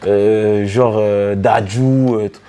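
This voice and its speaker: A man from the French Caribbean, a DJ and artist telling stories in a relaxed interview, with many fillers and restarts. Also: on the low side, slow. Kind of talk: casual storytelling interview.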